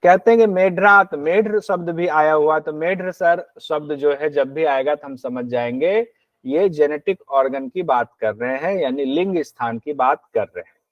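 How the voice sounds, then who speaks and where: Male yoga teacher, a bit high-pitched, lecturing on old texts; dull, dry, muffled recording. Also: no echo. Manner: slow measured Sanskrit recitation, then explains in plain talk; asks and answers his own questions. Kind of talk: exam-prep lecture on a yoga text.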